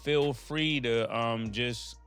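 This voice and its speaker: Diplomatic male co-host, medium-pitched. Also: slow pace, a bit bright, soft background music. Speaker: talk show co-host. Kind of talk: conversational panel talk.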